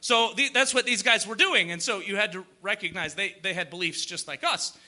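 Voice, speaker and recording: A man's voice: high voice, fairly quick, bright, forceful tone. A man preaching a sermon in a conversational way, full of emphatic rhetorical questions and repeated phrases.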